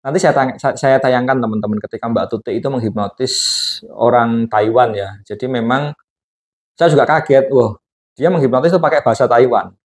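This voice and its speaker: A host who also teaches hypnosis leads an informal interview, pressing his guest with plenty of questions and habitual tags in a chatty manner. His voice is medium in pitch, brisk and a bit mellow.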